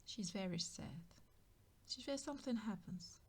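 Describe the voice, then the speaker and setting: A woman's voice: medium pitch, lively intonation, moderate pace, husky. A woman giving a spiritual tarot reading, musing and repeating herself, now and then dropping into a whisper. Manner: musing, repetitive, drops into whispers. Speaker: tarot card reader.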